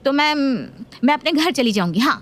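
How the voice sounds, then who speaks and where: A woman's voice: high voice, lively intonation, brisk, fairly bright tone, voice pushed up. Woman voicing a defiant young daughter-in-law. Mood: indignant. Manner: indignant, argumentative.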